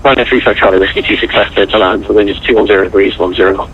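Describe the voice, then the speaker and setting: A man's voice: lowish voice, steady tone, very fast. A man working as an air traffic controller, giving clipped procedural instructions over the radio. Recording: muffled radio, faint noise.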